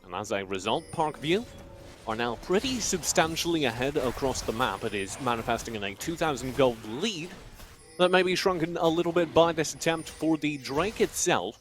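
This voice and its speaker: A man calling a high school esports match play-by-play, with dry, self-deprecating humor. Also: a bit bright. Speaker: esports caster. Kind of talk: play-by-play commentary.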